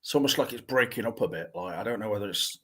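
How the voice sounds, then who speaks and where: A middle-aged man talks casually with a husky, slightly low voice. He is hesitant and thoughtful, rambling his way through each point as a co-host. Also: animated, fast talker, sharp tone. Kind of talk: casual chat.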